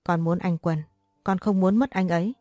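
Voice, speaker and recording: A jealous young woman making threats in a read-aloud story, her voice lowish and warm, as a woman narrator voices her. The sound is dry and close, with faint music behind. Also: fairly even intonation, moderate pace, no room sound, lightly acted. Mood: frantic. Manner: threatening, shouting.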